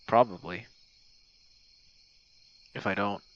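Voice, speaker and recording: Taking it slowly, a man with a fairly low, steady voice delivers a meandering, hesitant monologue like a casual voice message to a friend, swearing easily. He's an online audio creator and game streamer. The dry, dull audio carries outdoor night sounds of crickets and insects.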